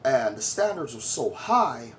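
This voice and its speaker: A man's voice: medium pitch, very animated, measured pace, fairly bright tone, a little hiss or hum. A man in his forties from Trinidad and Tobago, giving blunt, boastful opinion commentary to his viewers. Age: 40s. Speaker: vlogger.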